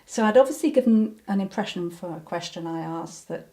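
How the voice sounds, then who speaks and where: Older lady telling her story, mellow tone, lots of ums and restarts. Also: lowish voice, brisk, vocal fry. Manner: hesitant, many ums and restarts, breaks into laughter. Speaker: interviewee. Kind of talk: reflective personal recollection.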